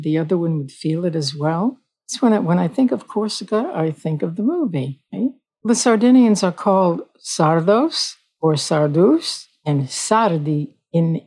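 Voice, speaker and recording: Fairly low in pitch, warm, and edged with breathiness, this older woman's voice carries her solo podcast as its host. She talks in a folksy, chatty way, going back over her points.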